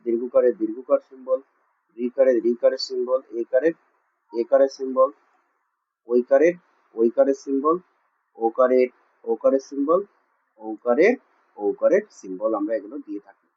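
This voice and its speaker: The speaker is a man with a medium-pitched, slightly breathy voice who talks at a moderate pace and takes long pauses. He has a West Bengal Bengali accent and teaches a classroom lesson, answering his own questions with much repetition, on a muffled lo-fi recording.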